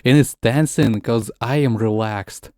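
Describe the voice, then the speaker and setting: Streaming a game, a man whose native language is Russian chats casually in a warm, unhurried mid-range voice, often stumbling, repeating words, and switching between English and Russian. The studio-quality recording has no echo.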